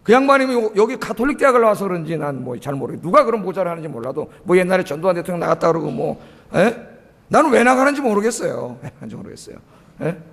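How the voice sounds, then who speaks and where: A man's voice: sits high, very animated, quick pace, vocal fry, fairly bright tone. A middle-aged male pastor preaching a sermon, emphatic, and often firing rhetorical questions at the congregation. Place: church sanctuary. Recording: long reverb of a church hall.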